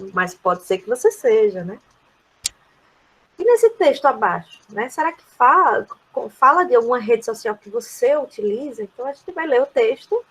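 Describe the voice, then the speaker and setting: A woman's voice: high-pitched, poor audio. A woman with a Brazilian Portuguese accent, reviewing an English lesson for online students and explaining each word, often adding "né?". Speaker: English teacher.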